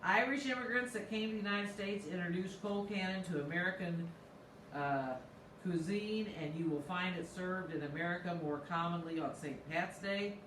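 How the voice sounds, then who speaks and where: A woman pastor co-hosting a casual cooking livestream, chatty and excitable as she reads recipe lore aloud in a church kitchen. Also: lowish voice, normal speed, echoey room, distant mic, a little hiss or hum, poor audio. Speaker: pastor and cooking show co-host.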